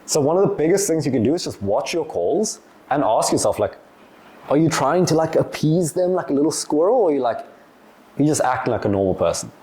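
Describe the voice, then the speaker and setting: Young male business vlogger, twenties, warm relaxed tone, easygoing, filler-heavy delivery. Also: fairly high pitch, a little fast. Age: 20s. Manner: loose and chatty, lots of "like", acts out little dialogues. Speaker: agency owner giving business advice. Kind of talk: casual talking-head Q&A.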